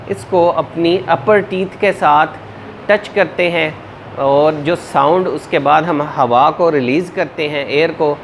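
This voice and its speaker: A man gives a spoken English lesson in a fairly high voice. He moves very slowly, modeling each word with care. A faint hum sits under his voice. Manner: slow, deliberate modeling of English words; mixes Urdu-Hindi with English. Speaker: English teacher.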